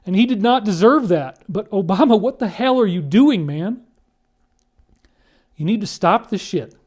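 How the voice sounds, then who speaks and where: A man delivering an emotional commentary monologue, emphatic and prone to sudden loud outbursts. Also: high-pitched, animated, normal speed. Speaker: online commentator.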